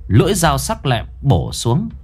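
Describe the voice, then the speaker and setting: A man's voice: mid-range voice, huge pitch swings, a little slow, darkish tone, husky. A man narrating a scripted horror story in a dramatic, vivid way.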